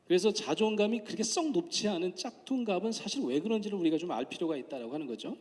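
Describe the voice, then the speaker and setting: A man's voice: sits high, expressive, fast, a little mellow. A man giving a public lecture as a professor. He speaks in a conversational way, asks the audience questions and acts out the voices in his anecdotes. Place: lecture hall at a forum. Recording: long hall reverb.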